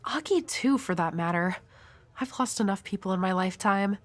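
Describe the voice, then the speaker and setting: A woman's voice: medium pitch, expressive, normal speed, close to an everyday voice. Himeno, a woman playing a flirty, world-weary devil hunter. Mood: wistful, resigned. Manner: teasing, coy, breathy at times. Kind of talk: intimate audio roleplay addressed to the listener.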